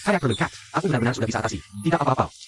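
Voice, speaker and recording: A man's voice: mid-range voice, lively intonation, very fast, fairly bright tone, slight background noise, close to an everyday voice. A man voicing a reassuring younger brother. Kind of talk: Indonesian dub of a drama series. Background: background music.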